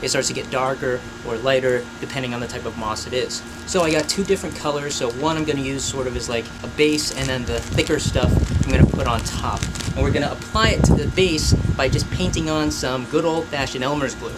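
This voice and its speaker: Speaking a little fast at medium pitch, with very noisy audio, a man hosts a craft and painting video. He keeps the chat informal, explaining the hobby project while making light of himself.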